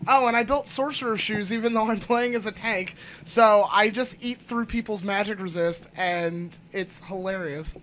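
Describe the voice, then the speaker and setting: A bright, forward voice co-hosting a casual gaming chat, with jokey and animated banter. The recording has faint noise behind it. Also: mid-range voice, normal speed. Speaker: podcast co-host.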